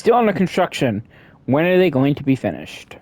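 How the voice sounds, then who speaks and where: Joking higher-voiced man playing a game. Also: sing-song, brisk, darkish tone. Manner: joking, offhand, reads game text aloud. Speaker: let's play streamer. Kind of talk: casual gameplay commentary.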